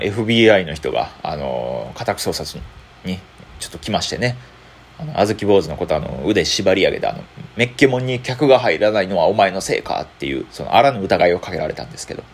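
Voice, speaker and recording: A male comedian with a Kansai accent, talking solo about his sketch ideas and acting out bits in quick character voices. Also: lowish voice. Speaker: comedian podcaster. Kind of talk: solo comedy talk radio.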